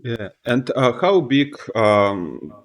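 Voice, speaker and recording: A man hosting a casual interview, feeling his way through questions in halting phrases. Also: medium pitch, very animated. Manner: halting, searching for words. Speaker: interviewer, host.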